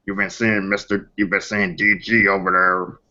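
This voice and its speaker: Man talking, flat monotone, lower pitch, repetitive, stammering, dull lo-fi recording. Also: normal speed. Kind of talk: casual chat.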